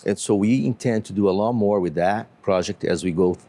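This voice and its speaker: A Brazilian company CEO, speaking with a Brazilian accent, explains his business in an interview, measured and with frequent fillers. His voice is fairly low and warm.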